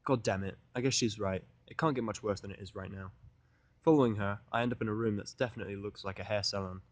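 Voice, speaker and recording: A fan fiction narrator with a lowish voice and a fast delivery reads a first-person audiodrama, sounding conversational, blunt, sardonic and profane.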